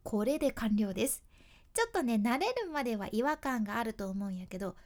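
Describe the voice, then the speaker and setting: Lively high-voiced woman with a Hakata accent. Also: a little fast. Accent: Hakata dialect. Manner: chatty and friendly, explaining step by step with dialect phrases. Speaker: radio host and voice coach. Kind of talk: talk-radio voice lesson.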